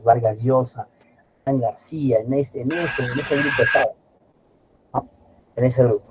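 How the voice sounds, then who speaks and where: A middle-aged man teaching a class, lively and always asking his students questions. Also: mid-range voice, husky, poor audio. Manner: animated, asks students constant rhetorical questions. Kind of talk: classroom lecture.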